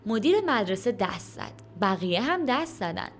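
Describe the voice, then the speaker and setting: A woman reading a children's story aloud as an audiobook narrator, calm and even. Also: mid-range voice, a little hiss or hum. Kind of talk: scripted narration.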